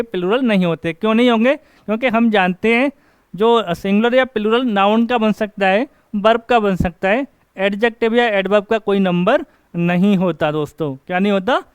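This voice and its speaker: A man teaching an English grammar class, asking questions and answering them himself and reading example sentences slowly. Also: high-pitched, smooth, dry recording. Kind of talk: classroom lecture. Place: coaching class.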